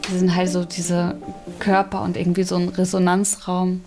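A woman actor talking reflectively in an interview, slow and searching for words. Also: fairly low pitch, completely flat delivery, warm tone, faint music behind.

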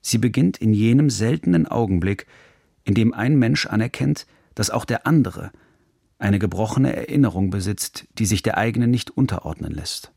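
A man reading a scripted radio documentary narration in a measured, serious manner, recorded in a studio. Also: on the low side, lively intonation, creaky, dark tone, slightly rough, no room sound.

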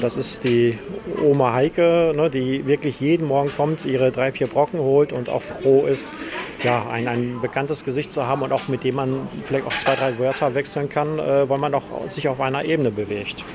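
A man's voice: medium pitch, steady tone, normal speed, a crowd in the background. A man, a store owner, explaining his views in a conversational interview. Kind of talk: interview statement.

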